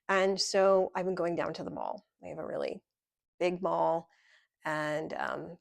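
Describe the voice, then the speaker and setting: A woman's voice: sits low, creaky, no room sound, clean studio sound. A middle-aged woman vlogging a candid personal story, rambling with frequent ums.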